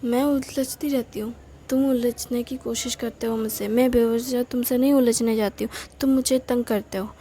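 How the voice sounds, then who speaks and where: Pouty, quarrelsome little girl from a storybook reading, fairly high and soft-toned , read by a woman. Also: steady tone, normal speed, slight background noise, natural voice. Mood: complaining. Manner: pouty, complaining. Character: cheeky young girl, quarrelsome little sister.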